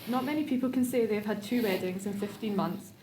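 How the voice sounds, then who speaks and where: A woman's voice: mid-range voice, quick pace. A woman reading her own wedding vows aloud, nervous and laughing between lines. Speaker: bride renewing vows. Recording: echoey room with background noise.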